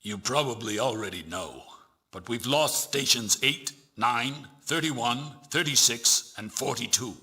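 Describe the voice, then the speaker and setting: A man playing a solemn, authoritative fleet admiral in a video game, giving formal and deliberate briefings. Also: medium pitch, bright, forceful tone, husky, full character voice. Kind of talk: dramatic video game voice acting.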